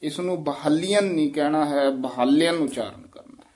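A man's voice: on the high side, moderate pace, a little mellow. A man teaching the correct recitation of sacred verses, modelling each phrase and explaining the pronunciation.

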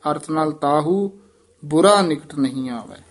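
A man teaching careful recitation of scripture, slowly repeating phrases syllable by syllable to correct pronunciation. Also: a little high, lively intonation.

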